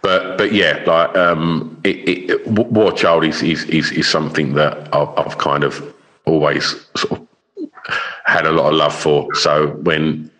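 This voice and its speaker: A man in a casual interview, speaking haltingly and stammering over his words as a guest. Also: rumbling low, fairly even intonation, fairly bright tone, low-quality recording. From Essex, England. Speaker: interview guest, charity fundraiser. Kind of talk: casual chat.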